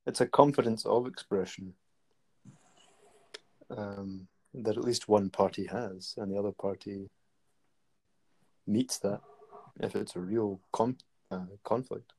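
Rambling man, fairly low voice. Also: steady tone, slow pace, gravelly, long pauses, darkish tone. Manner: rambling, many fillers and restarts. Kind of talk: casual conversation.

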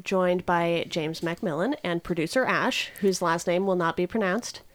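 A woman hosting a podcast in natural, unscripted casual talk, informal and self-deprecating, quick to laugh. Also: on the low side, heavy background noise. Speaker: podcast host.

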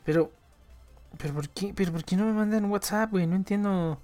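A woman with a Mexican accent hosts a live stream and chats freely to her viewers. Her talk rambles, full of local slang and casual cursing. Her voice sits at an ordinary middle pitch. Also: brisk, dark tone, soft background music. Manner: rambling, slangy and profane, talking to chat viewers. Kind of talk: casual chat.

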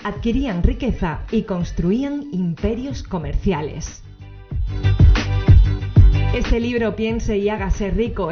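Female podcast presenter, mid pitch, explanatory narration to a single listener; muffled audio with light music underneath. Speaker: podcast host. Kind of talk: solo podcast book summary, semi-scripted narration. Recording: dull lo-fi audio, faint music behind.

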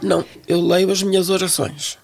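Gravelly older Portuguese woman, hesitant. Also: fairly low pitch, flat delivery, normal speed, background noise. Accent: European Portuguese. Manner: reflective, frequent hesitations and restarts. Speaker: guest. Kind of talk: relaxed interview conversation.

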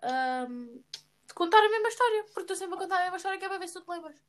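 A young woman with a European Portuguese accent in casual chat with a friend, quick and animated, often talking over her. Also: very high voice.

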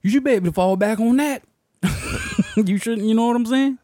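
A man's voice: very high-pitched, brisk, mellow, no echo, studio quality. A young man co-hosting a casual podcast, ranting bluntly, swearing and laughing often. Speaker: podcast co-host.

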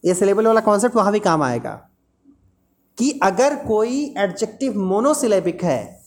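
A woman's voice: medium pitch, big pitch swings, normal speed. A woman teaching an English lesson, explaining patiently and repeating example words aloud.

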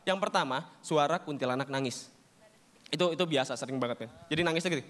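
A man's voice: on the high side, fast talker, fairly bright tone. A young man performing a stand-up comedy set in casual, slangy banter, acting out scenes and laughing between jokes. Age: young adult.

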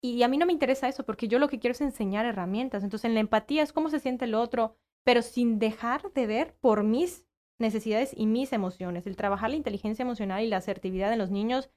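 Animated woman acting out examples. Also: fairly high pitch, fast talker. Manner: animated, acts out quoted voices. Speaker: guest, child educator. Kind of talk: casual conversation.

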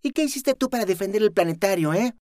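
A sarcastic young woman who taunts her opponents in a high, cutting voice. A man puts her on for an audiobook. The recording is dry. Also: animated, fast, a little mellow, dry recording. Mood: challenging. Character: mocking, sharp-tongued young woman.

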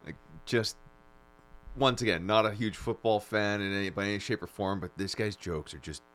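A man co-hosting a podcast, casually retelling comedy sketches in an animated way. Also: fairly low pitch, normal speed. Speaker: podcast co-host. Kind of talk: casual chat.

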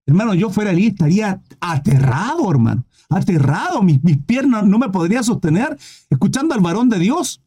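Male preacher, very high and mellow voice, emphatic, rhetorical, addresses the listener as "brother". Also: sing-song, brisk, slightly rough. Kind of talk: livestreamed Bible teaching.

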